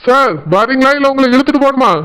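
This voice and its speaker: A man's voice: very high voice, fairly even intonation, fast, sharp tone, smooth. A man voicing a stern village policeman who speaks firmly and threatens arrest. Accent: Tirunelveli Tamil. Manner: firm, threatening.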